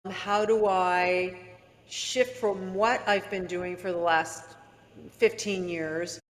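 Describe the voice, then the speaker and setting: A woman's voice: on the low side, steady tone, slow pace. Earnest woman coaching listeners in a roomy space. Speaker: podcast guest, author. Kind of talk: casual interview talk.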